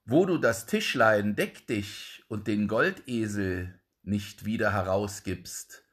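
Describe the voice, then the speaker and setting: A man voicing a confident young craftsman son in a calm, measured way, close to his own voice. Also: lowish voice. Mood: firm.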